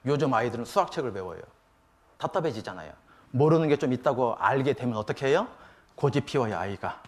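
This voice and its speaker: A middle-aged man speaking at a parents' seminar at church, in a lively talk full of acted-out family quotes. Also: medium pitch, quick pace. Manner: animated, mimics children and parents, frequent laughter from the room.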